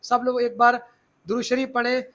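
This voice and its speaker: A man's voice: very high-pitched, little pitch movement, normal speed, fairly bright tone. Man teaching children, quizzing the class. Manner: asks the class frequent questions and repeats key points.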